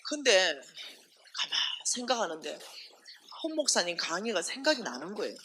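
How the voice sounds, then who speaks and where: A woman's voice: medium pitch, normal speed, background noise. A woman giving a testimony sermon at a revival meeting, telling her story animatedly and asking the audience rhetorical questions. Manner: animated storytelling, acting out quoted voices. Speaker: ministry staff speaker at a revival meeting.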